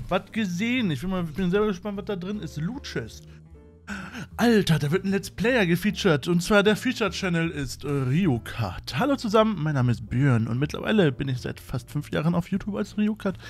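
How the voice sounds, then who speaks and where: Male YouTuber, playful rambling vlog chat, slightly high voice, faint music behind. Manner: playful, jokey, rambling with many fillers. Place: room at home with a fan.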